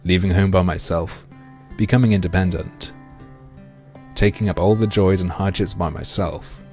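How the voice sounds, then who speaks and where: A man livestreaming through a headset mic, reading a game aloud and joking crudely with his chat in a deadpan way. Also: low-pitched, moderate pace, soft background music.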